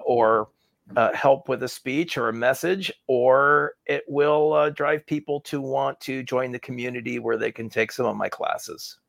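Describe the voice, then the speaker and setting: Male interview guest, gravelly texture, dead-dry room, self-assured and wry. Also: mid-range voice, a bit bright, no echo. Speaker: guest, speaking coach. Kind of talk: conversational interview.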